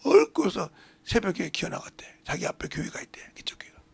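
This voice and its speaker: A man in his sixties, a pastor preaching a sermon, who swings between hushed asides and loud emphatic preaching. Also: high-pitched, wildly swooping pitch, a little fast, in a whisper. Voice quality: gravelly, husky voice.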